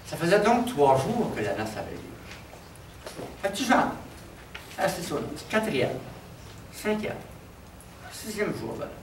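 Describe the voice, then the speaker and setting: A man with a Québécois accent telling a traditional folk tale in an animated, dramatic way. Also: high-pitched, slow pace, pauses often, background noise. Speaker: storyteller. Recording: roomy, distant mic, faint background.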